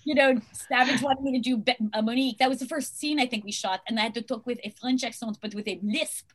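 Woman, actress guest, bright high voice, giggly and rambling. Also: fast talker. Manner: laughing, excitable, rambling. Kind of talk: animated anecdote telling.

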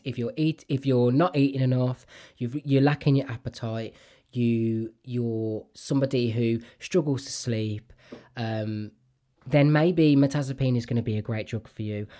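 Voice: medium pitch, warm tone. A podcast host in casual chat, earnest and repeating words while thinking aloud.

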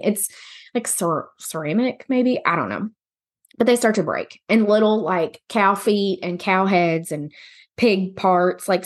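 A woman hosting a podcast, telling a personal story in a rambling, candid, conversational way. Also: mid-range voice. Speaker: podcast host. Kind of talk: casual personal storytelling monologue.

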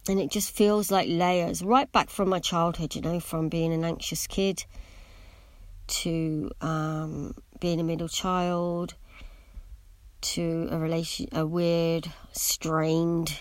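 Braces slightly affect this middle-aged podcaster's pronunciation as she offers a candid, reflective monologue, hesitant and meandering. She takes it slowly in a lowish voice with little pitch movement, recorded dry.

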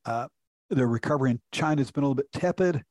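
A man's voice: medium pitch, quick pace, darkish tone, no room sound. Middle-aged guy from houston breaking down economic reports, chatty, restarts a lot, dry room. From Houston, Texas. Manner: conversational, explanatory with frequent restarts. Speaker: chief economist guest. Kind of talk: podcast interview.

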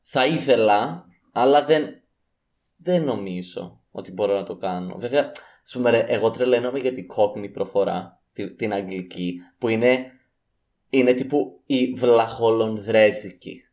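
Relaxed young man chatting. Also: fairly low pitch. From Cyprus. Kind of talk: casual chat.

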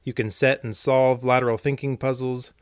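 A man's voice: mid-range voice, flat delivery, moderate pace, clean tone, dry recording, studio quality. A man hosting a puzzle podcast in a conversational way with wry, jokey asides, recorded in a small closet. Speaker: podcast host. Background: music.

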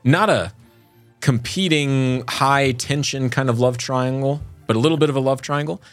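A man's voice: medium pitch, moderate pace, a bit bright, dry recording, soft background music. A man co-hosting a podcast, telling a story in a chatty, joking way. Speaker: podcast co-host. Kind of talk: casual chat.

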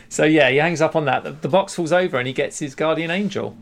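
Male podcast co-host, fairly high voice with vocal fry, easygoing and agreeable. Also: normal speed, faint music behind. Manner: relaxed, agreeable, lots of yeahs and tag questions. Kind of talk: casual chat.

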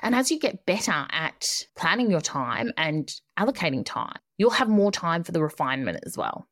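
A woman's voice: lowish voice, very animated, normal speed, fairly bright tone, no room sound, studio quality. A woman podcast host delivering an upbeat, tidy advice monologue, instructive and emphatic, building points in repeated phrases. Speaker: podcast host giving productivity coaching.

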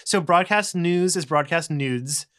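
A man with a bright, fairly high voice talks casually on a podcast about films. He rambles, stumbles over restarts and drops wry jokes. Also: a little slow. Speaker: podcast host. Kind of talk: casual film discussion chat.

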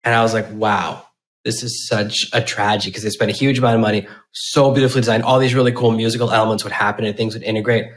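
A man's voice: lowish voice, fairly even intonation, fast talker. A man hosting a podcast interview in a conversational, chatty way, telling anecdotes and quoting little asides. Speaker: podcast host.

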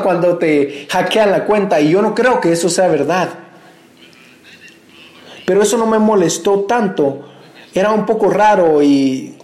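A man's voice: high-pitched, a little mellow, roomy sound. A man, a pastor, giving an earnest, conversational church message.

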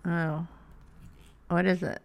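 Brief: woman co-host, low voice, dry and wry, relaxed chat. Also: takes it slowly, gravelly. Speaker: podcast co-host. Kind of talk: casual chat.

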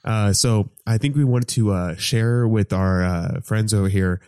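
A man's voice: lowish voice, measured pace, darkish tone, clean tone, no room sound, clean studio sound. A man in his early twenties co-hosting a casual podcast, hesitant and laughing, full of fillers. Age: 20s. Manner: hesitant, laughing, lots of likes and ums. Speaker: podcast co-host. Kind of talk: casual chat.

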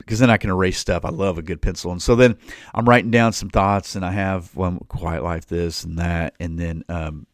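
A man's voice: sits low, dry recording, studio quality. A man hosting a podcast, teaching a Bible passage in an informal, conversational way, often repeating himself and acting out the people he quotes. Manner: conversational, repeats phrases, acts out quoted dialogue.

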